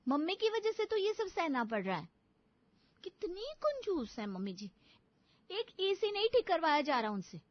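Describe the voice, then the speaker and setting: Woman playing a sulky, high-voiced young wife. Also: very animated, normal speed, dry recording, muffled recording. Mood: resentful. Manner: complaining, resentful.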